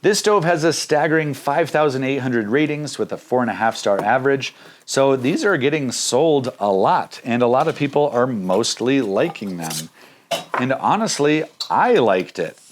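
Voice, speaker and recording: A man's voice: mid-range voice, expressive, normal speed, slight background noise. Upbeat man reviewing camping gear. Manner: upbeat, jokey, plainspoken. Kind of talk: casual gear review vlog.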